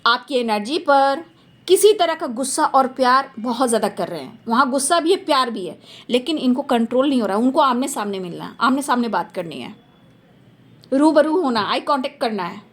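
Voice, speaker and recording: A woman's voice: sits high, expressive, fairly quick. A woman doing a tarot reading for her viewers, talking emphatically and repeating phrases for stress. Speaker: tarot reader.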